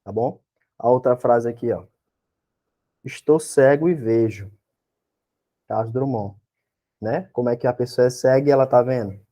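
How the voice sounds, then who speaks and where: A man's voice: mid-range voice, moderate pace, long pauses, warm tone. A man with a Brazilian Portuguese accent, teaching an exam-prep class. He explains step by step and keeps checking in with his students through tag questions and rhetorical questions.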